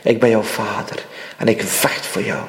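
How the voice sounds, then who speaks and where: A man's voice: on the low side, steady tone, normal speed. Fervent preacher, man, echoey hall. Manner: fervent, repetitive, speaks in first person as God. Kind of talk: prophetic sermon. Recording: echoey hall with long reverb.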